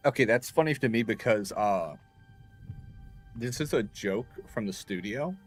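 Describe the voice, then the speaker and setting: A man's voice: lowish voice, animated, slow pace, soft background music. A man livestreaming a game, telling stories in a chatty way and laughing often. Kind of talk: casual gameplay commentary.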